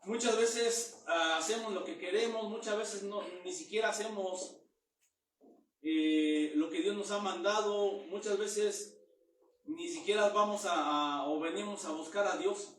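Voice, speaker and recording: A preacher with a high voice delivers a somewhat slow Bible teaching sermon, apparently in a church hall. He reads each verse aloud, then explains it in plain words. Heavy echo fills the room, and he stands far from the microphone.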